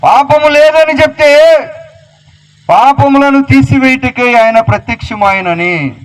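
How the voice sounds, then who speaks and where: A man's voice: very high voice, unhurried, rough recording. A male pastor preaching a sermon, repeating rhetorical questions and citing scripture references. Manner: quotes scripture references aloud.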